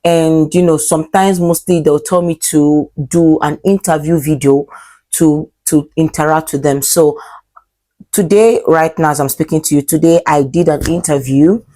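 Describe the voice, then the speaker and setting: A vlogger and English teacher in her twenties, speaking with a Nigerian accent, rambles to camera in a casual way, full of fillers and mid-sentence corrections. Her voice is low-pitched and dark, at a moderate pace.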